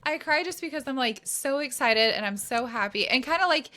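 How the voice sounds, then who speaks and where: Podcast co-host, woman in her thirties, bright tone, enthusiastic and full of "like". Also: high voice, animated, brisk. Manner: enthusiastic, lots of "like" and restarts. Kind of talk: casual chat.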